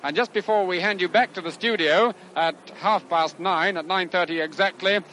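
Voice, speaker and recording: A man at the grandstand giving brisk, informative live race commentary and handing over to colleagues, heard on an old 1960s archive recording. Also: sits high, bright, forceful tone. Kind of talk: live motor-racing commentary. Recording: noisy vintage outdoor broadcast recording.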